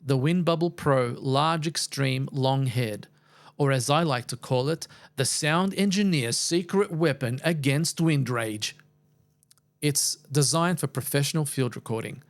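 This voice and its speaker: A man narrating a scripted product review as the reviewer, with a wry, playfully exaggerated way of talking. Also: fairly high pitch.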